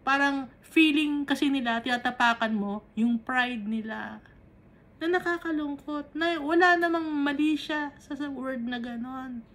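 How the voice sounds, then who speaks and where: A woman's voice: sits high, a little slow, a bit bright. A woman with a Filipino accent teaching a Bible study, switching between Tagalog and English and asking rhetorical questions.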